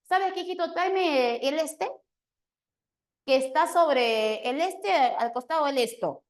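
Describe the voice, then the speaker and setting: A woman voicing a rushed, irritated mother who barks out hurried orders. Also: sits high, pitched above the performer's own voice. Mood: impatient. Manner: snappish, impatient, hurried orders.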